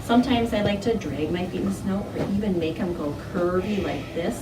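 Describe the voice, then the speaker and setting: In an indoor classroom with carpet, a woman speaks fairly quickly in a mid-range voice while reading to young kids. She prompts them often, asks questions, and gives simple instructions. The audio comes from a distant microphone in a noisy, echoing room.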